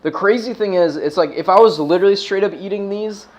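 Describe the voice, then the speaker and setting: Fast-talking and high-voiced, an American man hosts a livestream, chatting casually with a laid-back stoner vibe, loads of slang, and free swearing.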